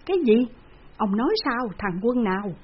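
A woman's voice: mid-range voice, animated, moderate pace, slightly rough. A woman doing a distraught peasant father, wailing. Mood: anguished. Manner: pleading, wailing. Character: distraught middle-aged peasant father, desperate. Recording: dull lo-fi recording.

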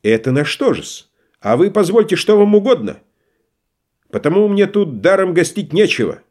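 Reading a part in an audiobook play, a man voices a wily, stubborn middle-aged merchant who speaks in a folksy, obsequious way with a wheedling, obstinate mood. He pushes his voice up high, dark-toned and sing-song, at normal speed.

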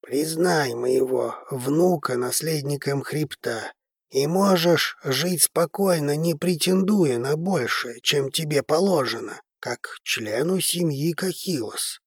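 A man voicing a calm, commanding old grandfather in an audiobook, speaking in a measured, soothing way. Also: fairly high pitch, husky, dry recording, studio quality, heavily acted. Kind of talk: audiobook character reading.

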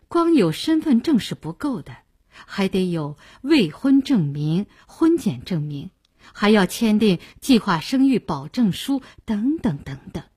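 A woman narrating a novel with expressive storytelling that turns soft at tender moments. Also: medium pitch, breathy edge. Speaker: audiobook narrator.

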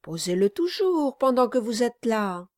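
A woman's voice: on the high side, very animated, measured pace, a little mellow, no room sound, studio quality. A woman voicing an oily, scheming middle-aged male lawyer in an audiobook, speaking in a honeyed, falsely cheerful way. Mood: wheedling.

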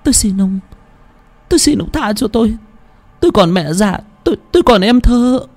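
A man voicing a terrified young village woman who pleads and sobs in a shrill falsetto. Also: animated, normal speed, darkish tone. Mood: desperate pleading.

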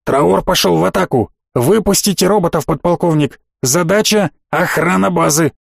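A man's voice: high voice, moderate pace, creaky, no room sound, clean studio sound. A man reading the part of a stern male space fleet commander who gives curt, barked orders. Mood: commanding.

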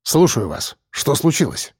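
A man's voice: a little high, very animated, measured pace, a little mellow, slightly rough, no echo, clean studio sound, exaggerated voice. A man reading an audiobook, voicing a nervous, irritable aging professor who talks hesitantly and defensively.

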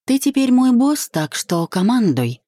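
A woman reading the part of a proud young wife who is defiant, indignant and hurt, voiced higher and louder than the narration. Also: very animated, measured pace, no room sound. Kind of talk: audiobook reading.

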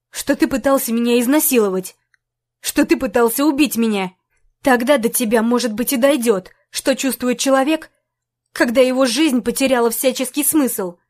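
A woman's voice: fairly high pitch, a little mellow, natural voice. A woman reading an audiobook, voicing a furious young woman who hurls angry accusations at her ex.

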